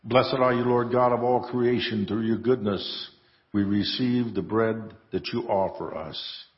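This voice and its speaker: A man's voice: fairly low pitch, steady tone, measured pace. A man presiding as priest, reciting the liturgy solemnly in a church with a cathedral echo. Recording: cathedral-like echo, long reverb, muffled sound.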